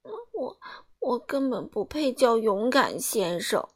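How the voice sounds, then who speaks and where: A woman voicing a timid little man in a children's storybook, crying out in panic with loud exclamations. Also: a little high, expressive, unhurried. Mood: panicky. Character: timid little man who calls himself brave.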